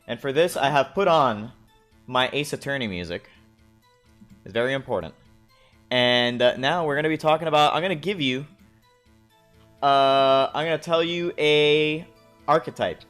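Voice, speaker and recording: Guy co-hosting a gaming podcast, lively and jokey, faint music under him. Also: medium pitch, normal speed, long pauses. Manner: animated, mocking, acts out silly voices. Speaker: podcast co-host. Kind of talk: casual gaming podcast chat. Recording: faint music bed behind.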